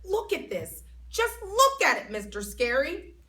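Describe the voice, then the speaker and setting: A woman's voice: big pitch swings, measured pace, a crowd in the background. A woman reading aloud and voicing a whiny little girl who tattles and complains. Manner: high, complaining and accusing. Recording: voice a bit far from mic, faint background noise.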